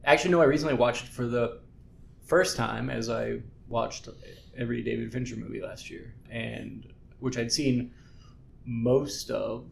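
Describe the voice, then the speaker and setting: Gravelly man with dry wisecracks. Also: mid-range voice, fairly even intonation, measured pace, a little hiss or hum. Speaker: podcast co-host. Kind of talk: casual podcast chat.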